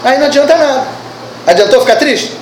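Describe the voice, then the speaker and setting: A woman preaching a sermon at a church service, animated and asking the congregation questions. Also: high-pitched, fast, reverberant, a little hiss or hum, poor audio.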